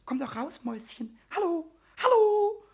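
A woman voicing a mischievous little male kobold in a radio play, husky, giggly and stammering, swinging between whispers and squeals. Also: very high voice, very animated, a little slow, a little hiss or hum, full character voice. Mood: whispering, coaxing.

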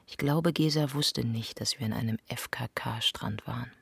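A woman's voice: extremely low pitch, unhurried, vocal fry, slightly rough, dry recording. A woman delivering a literary first-person monologue in an intimate, often half-whispered voice. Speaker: narrator.

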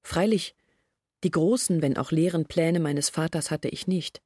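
In a literary radio play, an actress voices an earnest woman confessing her family's failures in a reflective, measured monologue. Her pitch is low and mellow, and the studio recording is clean with no echo.

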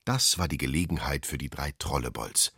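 A man narrating a children's storybook with expressive, lively delivery. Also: a bass voice, a little fast, slightly rough, no echo, clean studio sound.

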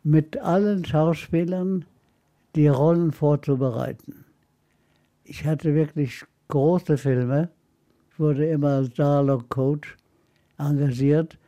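A man in his nineties, a former film dialogue coach, talks in a slow, reflective way in a radio interview. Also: fairly high pitch, fairly even intonation, warm tone. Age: 90s. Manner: slow, unhurried, reflective storytelling.

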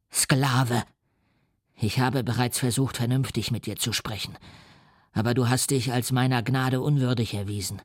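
A man's voice: mid-range voice, no room sound, studio quality, natural voice. A man playing a defiant, wrathful scientist. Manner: forceful, indignant. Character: defiant young male scientist, wrathful, resolute. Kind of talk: audiobook reading.

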